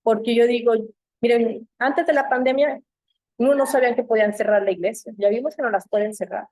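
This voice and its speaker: In a dry recording, a middle-aged woman from Mexico brings a church Bible lesson to life through animated storytelling, giving each quoted figure their own voice. She speaks fairly quickly in a slightly high register.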